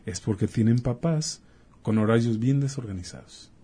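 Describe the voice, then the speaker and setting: A man's voice: medium pitch, normal speed, dark tone, slightly rough. A man, a doctor, talking casually on a talk show and acting out little dialogues as he explains. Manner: explains with acted-out dialogues and rhetorical questions. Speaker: doctor guest.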